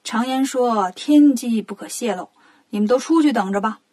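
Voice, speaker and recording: A woman's voice: fairly high pitch, moderate pace, a little mellow, lightly acted. A woman voicing a clever, cocky male monkey king in a children's storybook, teasing and mock-solemn.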